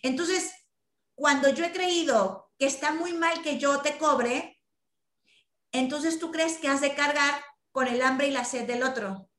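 High-voiced woman leading a workshop. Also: unhurried, fairly bright tone, echoey room. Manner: emphatic, acts out quoted speech. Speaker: workshop leader. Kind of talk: group talk over video call.

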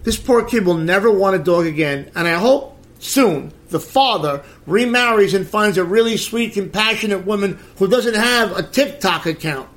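Speaking at a moderate pace with few pauses, a middle-aged man rants sarcastically and crudely about celebrities on his podcast. His high voice is expressive and a bit bright.

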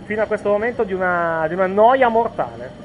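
A man's voice: high voice, expressive, fast, lo-fi sound, slight background noise. A man giving informal live football commentary, hesitating and correcting himself as he goes.

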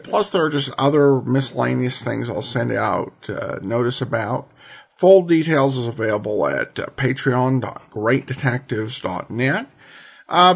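A man with an American accent hosting a podcast, reading announcements in an informal, halting way. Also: mid-range voice, vocal fry, fairly bright tone, slightly rough. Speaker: podcast host.

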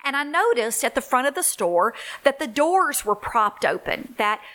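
A woman's voice: sits high, sing-song, normal speed. Earnest woman hosting a podcast. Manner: warm storytelling, earnest and encouraging. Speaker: podcast host, ministry leader. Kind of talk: faith-based podcast talk to single moms.

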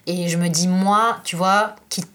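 A French woman in her thirties, a guest in a relaxed interview, talking in a lively, chatty way and often saying "you know". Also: lowish voice, measured pace. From France. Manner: lively, chatty, says "tu vois" a lot. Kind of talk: casual conversational interview.

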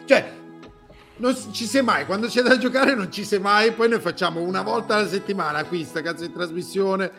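Higher-pitched man hosting comic banter. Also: fairly quick, gravelly, a bit bright, soft background music. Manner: interrupting, exasperated, colloquial. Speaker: host. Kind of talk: casual comic banter on a live stream.

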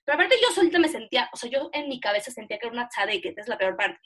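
Young Mexican woman teacher, Mexican Spanish accent, high bright voice, animated and self-mocking, on a video call. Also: rapid-fire. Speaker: teacher leading an online class. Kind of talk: casual online lesson.

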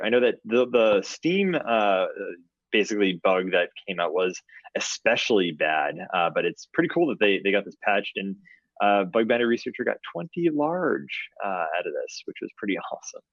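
Man, Boston accent, podcast host, casual tech chat, lowish voice, dry sound, rambling with fillers. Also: sing-song, normal speed, no room sound, muffled recording. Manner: rambling, with frequent "uh" fillers and restarts.

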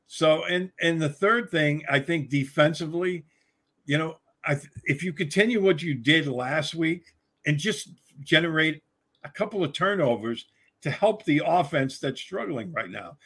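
A man breaks down a football matchup in loose, rambling talk, leaning on "you know" between thoughts. His voice sits a little high for a man. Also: a bit bright, husky. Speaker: sports podcast analyst. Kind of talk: casual sports talk.

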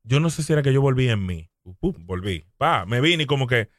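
A man's voice: medium pitch, animated, a little fast, dry recording, studio quality. A man with a Dominican accent chatting casually, telling stories with slang and quoted dialogue as a co-host. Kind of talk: casual group chat.

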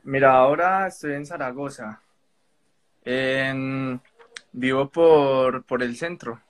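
Slow and mid-range in voice, a man with a Colombian accent calls in to a live stream to give a casual spoken account. He speaks politely but in a somewhat hesitant, roundabout way.

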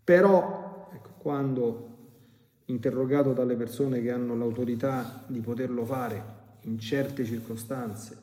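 A male priest gives a sermon, measured and unhurried, repeating his phrases as he goes. His voice is mellow and dark. The hall around him rings with a long reverb. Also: medium pitch, steady tone. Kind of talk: sermon with reading and commentary.

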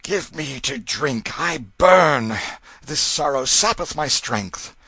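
A man's voice: fairly high pitch, animated, takes it slowly, sharp tone, husky, no echo, pitched above the performer's own voice, exaggerated voice. A man voicing a dying old king who is wrathful and commanding, declaiming in archaic, imperious speech.

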